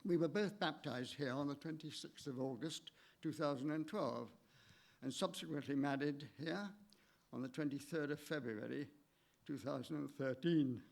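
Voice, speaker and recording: An older man, giving a measured, halting eulogy for his late wife in a church, read from notes with small stumbles. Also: on the high side, vocal fry.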